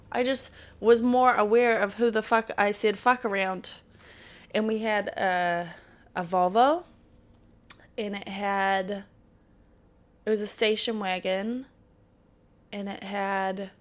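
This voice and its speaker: A woman in her thirties hosting a casual solo podcast, talking candidly, swearing freely and laughing often. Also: medium pitch. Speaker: podcast host.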